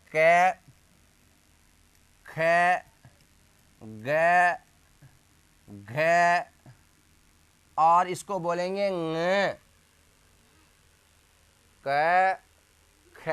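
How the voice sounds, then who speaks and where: A man's voice: a little high, fairly bright tone. A man teaching a Hindi grammar lesson, drilling letter sounds one by one and asking questions that he answers himself. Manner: drills sounds slowly, asks and answers his own questions. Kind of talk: classroom lesson.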